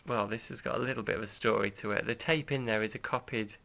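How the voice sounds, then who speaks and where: A middle-aged British man with a medium-pitched, creaky voice and fairly even intonation talks fast in a casual, unscripted show-and-tell vlog. Like a host displaying his collection, he's hesitant, rambling and understated, recorded in dull lo-fi at home.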